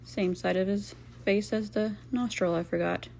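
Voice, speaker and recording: A woman's voice: mid-range voice, steady tone, normal speed, vocal fry, a little mellow, slight background noise. A woman giving casual, rambling craft voice-over commentary as host, playfully sarcastic and self-deprecating.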